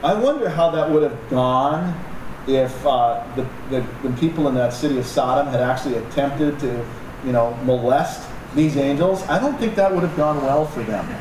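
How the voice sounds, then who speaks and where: Here the pastor's voice sits at a medium pitch and moves at a moderate pace as he preaches in a joking, chatty way with asides to his listeners. Sound quality suffers from a distant microphone, room echo, and background noise.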